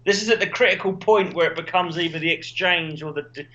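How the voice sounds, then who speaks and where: Man, casual comedy chat, sweary, bright voice, slightly dull call audio. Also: on the high side, quick pace. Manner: excitable, swears freely, voice leaps up and down. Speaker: podcast co-host. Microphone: remote call.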